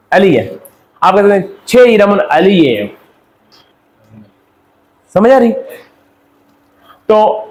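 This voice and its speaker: High-voiced male teacher in an echoey classroom. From Pakistan. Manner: drills the class with repeated questions and answers. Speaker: Korean language teacher. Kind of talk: classroom lecture.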